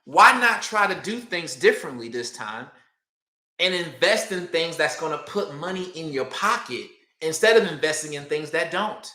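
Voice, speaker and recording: A man with a high, bright, forceful voice hammers home his points about credit, repeating himself for emphasis. His voice rings in an echoey room. He slips into other people's voices to make his case. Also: animated, moderate pace. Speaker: credit coach. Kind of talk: motivational talk to camera.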